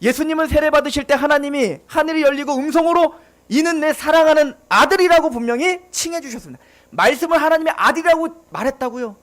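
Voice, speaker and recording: High-voiced Korean pastor preaching. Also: male voice, fast talker, a bit bright. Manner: acts out scoffing unbelievers in casual speech; earnest, preaching with rising and falling intensity. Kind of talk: sermon.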